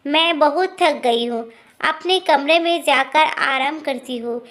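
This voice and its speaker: A gluttonous young village wife, as a woman storyteller puts her on, sheepish and pleading. Her voice is high and her speech slow. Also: a bit bright.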